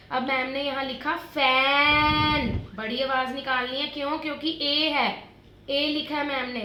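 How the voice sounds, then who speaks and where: A woman teacher walks small children through rhyming words, stretching each one out slowly and having them repeat after her. Her voice sits high and bright. It rings in an echoey room. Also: a little hiss or hum. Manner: slow, drawn-out word drills addressed to children as "beta". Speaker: primary school teacher. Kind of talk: online phonics lesson for young children.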